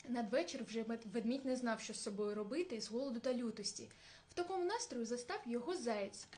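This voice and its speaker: A woman reading a fairy tale aloud with expressive storytelling. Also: a little high, fast talker, a little hiss or hum.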